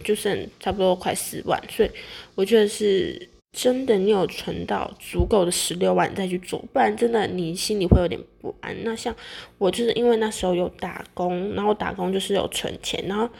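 A young woman with a Taiwanese accent talks in a casual, rambling vlog style. Her mid-pitched voice has a noticeable creak, and she often doubles back to repeat or fix her words as she addresses her viewers. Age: young adult. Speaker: vlogger sharing personal experience. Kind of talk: casual chatty monologue to viewers.

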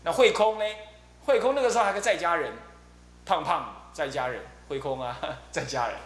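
A middle-aged man, giving a Buddhist dharma talk as abbot and telling stories in a lively way, often repeating his fillers. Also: a little high, moderate pace. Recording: roomy echo with faint hum.

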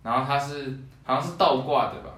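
A young man tells childhood anecdotes in a loose chat, breaking into laughter often. His voice sits at a middling pitch and comes from a little off the mic. The room around him rings with echo. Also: brisk, a bit bright. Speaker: podcast co-host. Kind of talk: casual chat, storytelling. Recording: roomy echo, distant mic.

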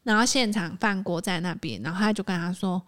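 A woman's voice: fairly low pitch, fairly quick. A woman speaks, chatting casually on a small podcast. She tells work stories with animation and jumps into the voices of the people in them. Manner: animated storyteller, acts out quoted people. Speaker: podcast co-host; designer. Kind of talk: casual chat.

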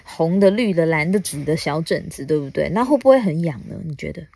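A mother reading a picture book aloud to her child for a podcast, coaxing and asking gentle questions along the way. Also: low-pitched, lively intonation, a little fast, gravelly, no room sound. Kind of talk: storybook read-aloud podcast.

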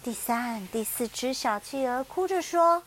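A woman reading a children's story aloud as a mother, gentle and soothing. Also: high-pitched, expressive, a little slow.

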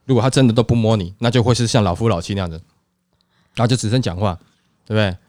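A man with a Taiwanese accent chatting casually as a podcast co-host, animated, swearing freely and acting out quotes. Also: fairly low pitch, very fast, no echo, studio quality. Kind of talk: casual chat.

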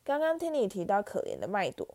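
Woman reader doing a gleeful, mocking male poltergeist for a storybook; mellow tone. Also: medium pitch, wildly swooping pitch, a little fast, no echo. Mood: taunting. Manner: mocking, teasing.

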